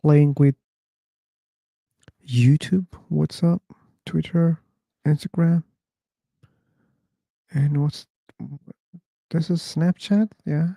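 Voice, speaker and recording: A man hosting a livestream talks in an unhurried, musing way, as if thinking out loud between callers. His voice is mellow and warm, set close and dry with no room sound. He drawls through the pauses at a very slow pace. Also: fairly high pitch, fairly even intonation, vocal fry, no room sound. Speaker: host of an online discussion livestream. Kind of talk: casual livestream chat.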